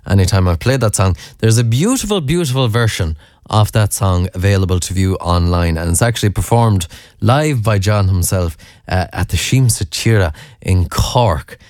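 Hosting late-night radio from Ireland, a man chats in a meandering way, full of fillers and self-corrections, and reads out a poem sent in by a listener. His voice is on the low side and a little mellow, with no echo and studio quality.

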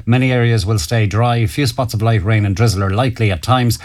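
A man's voice: lowish voice, fast, darkish tone. A man with an Irish accent reading a scripted radio weather forecast.

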